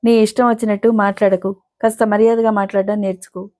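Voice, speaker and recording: A woman's voice: mid-range voice, level tone, fast, natural voice. A woman voicing a proud young woman who answers curtly and sharply, in a storybook reading. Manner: curt, sharp-toned.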